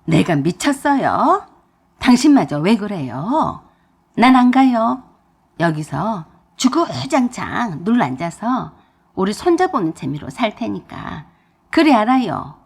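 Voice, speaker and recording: A woman voicing a stubborn older mother-in-law who nags loudly and shrilly. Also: sing-song, unhurried, creaky, slightly rough, heavily acted. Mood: defiant. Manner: loud, shrill nagging.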